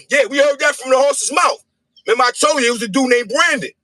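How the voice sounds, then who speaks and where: Man, high voice, bright tone, dry close sound, sing-song chanting taunts, casual livestream chat. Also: fast talker, no echo. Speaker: podcast guest. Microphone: phone livestream.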